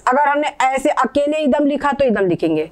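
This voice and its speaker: Patiently guiding learners through Sanskrit sounds, a woman with a high-pitched, expressive voice explains, slowly repeats words, and confirms that her students follow.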